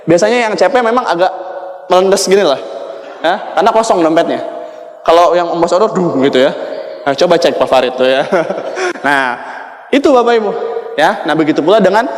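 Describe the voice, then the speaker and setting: A man gives a motivational talk to a sales audience and keeps asking the crowd questions. His voice sits high for a man. It rings with long reverb in a large hall. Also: expressive, fairly quick, long pauses. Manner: addresses the crowd with rhetorical questions. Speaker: motivational speaker at a sales event.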